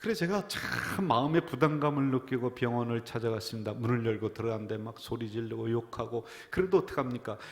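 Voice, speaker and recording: A middle-aged man preaching a sermon as pastor, telling stories and swinging from near-whispers to loud emphasis. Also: mid-range voice, fast, few pauses. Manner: storytelling, dropping to a whisper and rising for emphasis. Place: church sanctuary. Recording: church hall reverb.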